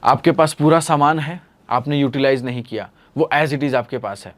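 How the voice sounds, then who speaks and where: A man's voice: mid-range voice, moderate pace. A man teaching a biology lesson online in a playful, storytelling way, calling his students "beta".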